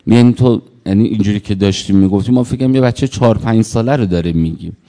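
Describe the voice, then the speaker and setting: Low, mellow male preacher in a hall. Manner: storytelling, acting out the people in his stories. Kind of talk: sermon with anecdotes.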